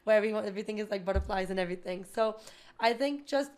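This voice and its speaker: Brief: young Canadian-accented woman, quick earnest guest, many fillers, mid pitch. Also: a little mellow. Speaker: physiotherapist guest. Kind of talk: casual interview talk.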